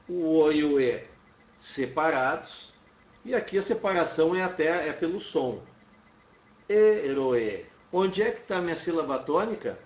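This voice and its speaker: A man's voice: fairly high pitch, recorded from a distance. A man teaching a lesson, explaining step by step and checking in with his students. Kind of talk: classroom lecture. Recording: roomy, dull sound from off-mic.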